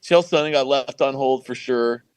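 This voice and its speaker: A man's voice: medium pitch, moderate pace, clean tone. A man co-hosting a casual online talk show, telling joking stories and filling them with "like". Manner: joking, animated storytelling full of "like". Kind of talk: casual banter on a call.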